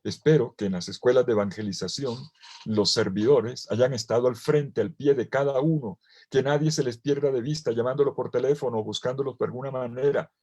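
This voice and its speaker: Husky-voiced priest preaching. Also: male voice, mid-range voice, steady tone, fairly quick, a little mellow. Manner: preaching with dramatic quoted voices and rising emphasis. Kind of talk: sermon at a virtual retreat.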